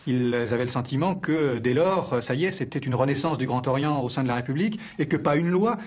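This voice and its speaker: A man recounting something in a documentary interview, halting and anecdotal. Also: medium pitch.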